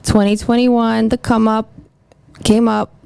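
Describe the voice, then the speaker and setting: A woman's voice: a little high, flat delivery, unhurried, vocal fry, a little mellow, smooth, no echo. A woman hosting a casual podcast from her mobile salon, chatting in a rambling, upbeat, self-hyping way, recorded on a phone. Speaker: podcast host, hairdresser. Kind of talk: casual interview chat.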